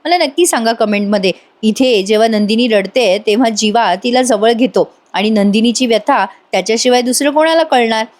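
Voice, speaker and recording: A woman's voice: a little high, brisk, hardly any pauses, a little mellow. A woman narrating a voice-over recap of a TV serial, chatting directly with her viewers. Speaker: TV serial reviewer.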